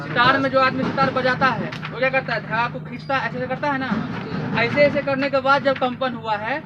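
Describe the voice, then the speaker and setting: Man, classroom lecture, very high pitch, asks and repeats answers. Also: steady tone, moderate pace, lo-fi sound, very noisy. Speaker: teacher.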